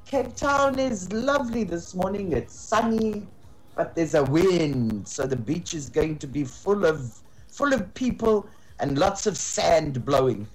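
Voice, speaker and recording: Woman, radio guest, lowish voice, animated intonation, casual chat. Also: unhurried, poor audio. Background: music.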